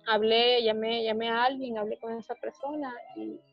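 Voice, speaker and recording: A woman's voice: a little high, fairly even intonation, soft background music. Hesitant woman on a dull lo-fi line. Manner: hesitant, halting, many restarts and fillers. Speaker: interviewee describing her panic attacks. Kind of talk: personal testimony in a conversation.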